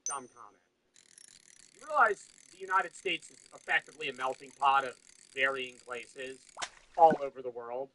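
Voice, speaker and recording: A man's voice: mid-range voice, animated, moderate pace, pushed and bright, low-quality recording. A young man streaming, chatting casually, rambling and swearing with frequent laughs. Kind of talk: casual chat.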